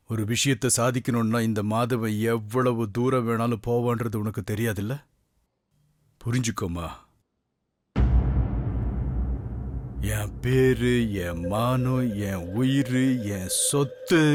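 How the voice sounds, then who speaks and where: A man's voice: mid-range voice, background noise, lightly acted. A man playing a menacing rich father. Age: middle-aged. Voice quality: menacing, commanding. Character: domineering rich father threatening daughter's husband. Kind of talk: dubbed film drama. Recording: film soundtrack with music behind.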